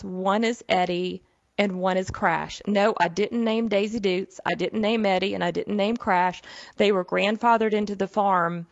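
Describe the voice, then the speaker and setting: A middle-aged woman from the southern United States, with a Southern accent, hosts her own show as a psychic medium, giving a casual solo monologue in a medium-pitched voice. She talks in a folksy way, saying "you know" a lot. There is no room sound, and the audio is dull, dry and slightly lo-fi.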